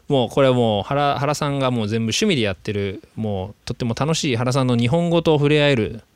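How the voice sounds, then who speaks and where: A man hosting a podcast, talking in a chatty, animated way with drawn-out fillers. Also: mid-range voice, smooth, no room sound. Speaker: podcast host. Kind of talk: casual podcast monologue. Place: lives in Sydney.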